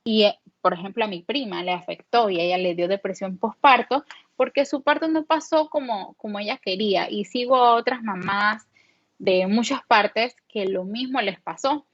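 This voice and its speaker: A woman's voice: medium pitch, moderate pace, dry recording. A young woman from Panama with a Panamanian Spanish accent, a podcast guest candidly retelling a personal story with many fillers. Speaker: guest mother. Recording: dull, dry lo-fi audio.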